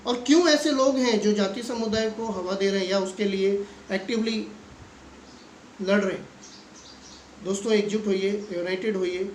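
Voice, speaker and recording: Guy rallying his viewers, pitched kinda high, lots of questions at the audience, bit of faint hiss behind. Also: echoey room, low-quality recording. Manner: earnest, exhorting, rhetorical questions to viewers. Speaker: NGO activist and channel host. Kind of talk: direct-to-camera awareness appeal.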